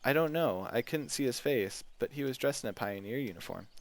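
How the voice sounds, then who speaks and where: A man's voice: medium pitch, lively intonation, brisk, lightly acted. A man voicing a shy, timid teenage girl at a summer camp in a game he reads aloud.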